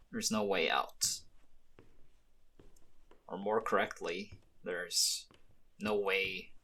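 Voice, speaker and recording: A man voices a weary, guarded young mafia henchman with a quiet kindness for an ASMR roleplay, heavily acted. Talking hesitantly and in a subdued manner to the listener, he comes across as resigned and grim.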